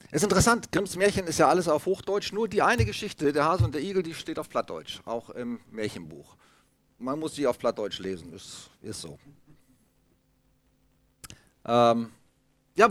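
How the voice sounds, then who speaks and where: Male pastor, conversational storytelling sermon, dry, mid-pitched. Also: fairly bright tone, no room sound. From Hamburg, Germany. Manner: chatty, storytelling, lots of asides and fillers.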